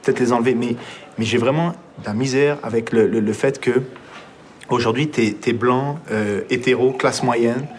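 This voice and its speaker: A man's voice: medium pitch, slight background noise. A young man with a Quebec French accent, a filmmaker guest telling stories in a casual radio conversation, reflective and full of restarts. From Montreal. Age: young adult. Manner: fast, reflective storyteller with frequent restarts.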